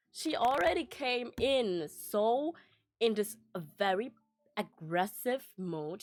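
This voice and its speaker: Slow, rambling young woman vlogger. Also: mid-range voice. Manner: meandering, many fillers and restarts, laughs often. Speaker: vlogger telling a personal story. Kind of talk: casual rambling chat.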